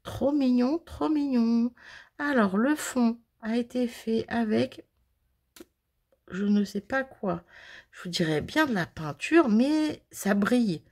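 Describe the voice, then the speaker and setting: A woman's voice: on the high side, expressive, slow pace, a little mellow. Bubbly chatty Frenchwoman unboxing. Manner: chatty, bubbly, self-mocking, gushing over items. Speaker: craft vlogger unboxing mail. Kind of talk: casual chat to viewers. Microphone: phone.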